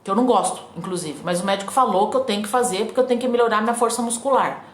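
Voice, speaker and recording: A woman's voice: mid-range voice, rapid-fire, echoey room. A Brazilian woman giving an informal, earnest talk on forgiveness and self-acceptance from her bedroom, often asking the listener questions and acting out complaining voices. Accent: Brazilian Portuguese.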